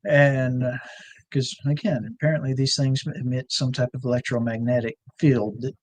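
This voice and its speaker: A man's voice: mid-range voice, level tone, normal speed. A man telling a rambling, folksy story in casual chat, full of fillers. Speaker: ranch owner and guest.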